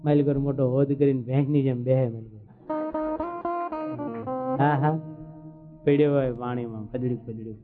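A man's voice: mid-range voice, steady tone, moderate pace, long pauses. A man giving a humorous, rustic devotional sermon full of folksy stories. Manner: humorous, chatty, rustic storytelling. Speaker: religious storyteller. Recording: tinny phone-like sound with faint music.

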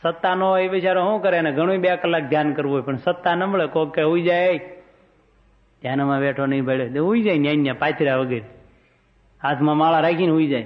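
A man giving a devotional discourse, who chants verses slowly and then explains them in plain speech. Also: a little high. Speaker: religious storyteller. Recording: dull lo-fi recording.

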